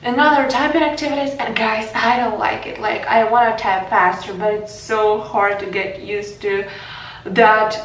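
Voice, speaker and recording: A woman's voice: on the high side, fairly even intonation, moderate pace, a bit bright, slight background noise. Young Ukrainian woman in an echoey room. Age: young adult. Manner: earnest, with frequent fillers and restarts. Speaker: vlogger. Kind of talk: casual vlog narration. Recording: echoey room with faint music.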